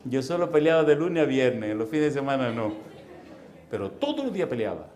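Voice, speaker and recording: A middle-aged man preaching a sermon in a church, telling comic stories with sudden loud bursts and sound effects and putting questions straight to the congregation. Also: mid-range voice, sing-song, fairly quick, a little hiss or hum. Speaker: pastor. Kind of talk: sermon with comic personal anecdotes.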